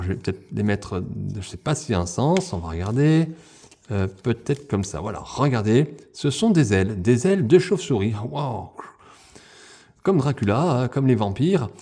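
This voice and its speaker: Mellow-voiced man reviewing toys. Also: mid-range voice. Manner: hesitant, many fillers, addresses viewers as friends. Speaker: toy reviewer. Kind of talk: unboxing review, casual chat.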